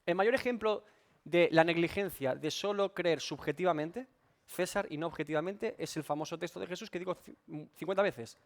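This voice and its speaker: Emphatic high-voiced pastor. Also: male voice, normal speed. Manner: emphatic, repeats and rephrases points, asks rhetorical questions. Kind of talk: expository Bible study sermon.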